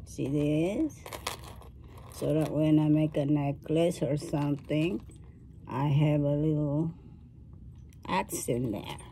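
Woman host of a craft tutorial, low mellow voice, very slow unhurried delivery, faint noise behind. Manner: slow, thinking aloud while working with her hands.

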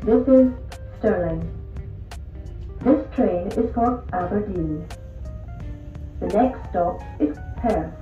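Woman's slow onboard train announcement. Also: medium pitch, phone-quality sound, loud music behind the voice. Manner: measured, formal announcing. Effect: onboard train announcement over loudspeaker. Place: inside a moving train carriage.

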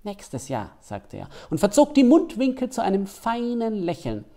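Guy reading his own christmas story out loud, lively and expressive, pitch moves a lot. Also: moderate pace. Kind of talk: literary reading.

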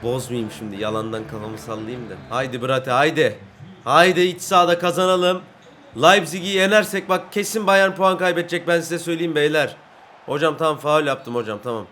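A man commentating live as he plays a football video game, excitable, shouting and grumbling at his teammates. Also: on the high side, fairly quick, a little hiss or hum. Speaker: gaming YouTuber.

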